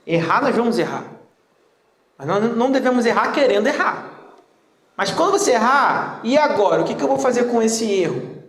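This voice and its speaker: Pastor guy, pretty high voice, jokey sermon, acts out the chats, roomy echo. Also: big pitch swings, normal speed, fairly bright tone. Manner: joking, acts out dialogues. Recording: echoey room.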